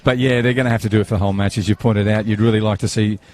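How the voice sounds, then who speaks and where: A man's voice: lowish voice, steady tone, rapid-fire, darkish tone. Chatty male football commentator. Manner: chatty, rambling, with banter and many fillers. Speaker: match commentator. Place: outdoors at a football ground.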